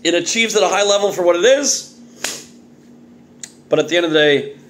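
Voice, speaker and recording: Here a thirtysomething vlogger who reviews beer speaks fairly quickly with a high-pitched voice, and a little hiss or hum sits under the audio. Filming in his home kitchen on a phone or webcam at arm's length, he keeps the review casual and unscripted, animated and exclamatory, full of jokes and muttered asides.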